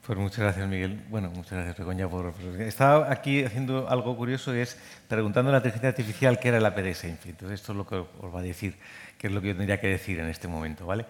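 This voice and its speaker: In a conference hall with long reverb, a man from Madrid who coordinates a medical training program delivers a rambling speech, restarting sentences and repeating words. His voice is lowish and he speaks quickly.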